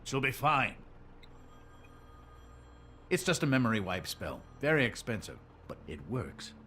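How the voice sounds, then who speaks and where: An actor playing a businesslike, cautious official in a video game, speaking formally and precisely. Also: male voice, medium pitch, very animated, unhurried, bright, forceful tone, a little hiss or hum. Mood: brisk. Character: businesslike, cautious male official, calm and measured.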